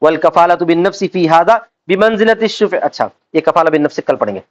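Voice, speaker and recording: A man's voice: fairly high pitch, expressive. A man teaching a religious law class, constantly asking his students whether they follow and acting out quoted speech. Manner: asks students constant check questions; acts out quoted speech in everyday voices. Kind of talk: classroom lecture on Islamic law. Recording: dull lo-fi lecture recording.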